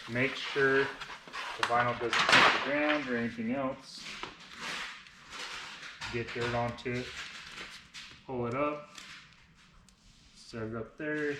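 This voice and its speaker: A man in his 30s with braces speaks at medium pitch and a slight lisp, narrating a casual, hands-on vinyl wrap tutorial as its presenter. He informally explains every step while working in an indoor garage workshop. The tripod camera sits a short way off, capturing an echoey, noisy room with clicks.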